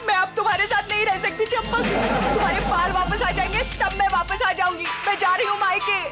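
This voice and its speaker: A woman's voice: very high-pitched, steady tone, fast talker, loud music behind the voice, a loud crowd. An actress playing a playful young wife who teases and cajoles her husband in a TV sitcom. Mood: mock-stern. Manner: teasing, cajoling. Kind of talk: TV sitcom acting.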